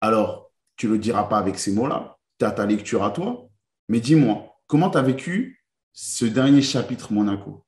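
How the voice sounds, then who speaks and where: A man's voice: fairly low pitch, expressive, normal speed, a little mellow. A man hosting an interview, asking long, enthusiastic questions in a conversational style. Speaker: interview host. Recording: roomy, echoey room.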